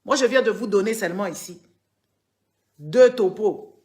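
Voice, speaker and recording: With an animated, medium-pitched voice that's a little mellow and moves at normal speed, a woman from the Democratic Republic of the Congo comments on politics during a live stream. She's emphatic and scolding as she lectures viewers, repeating words for force.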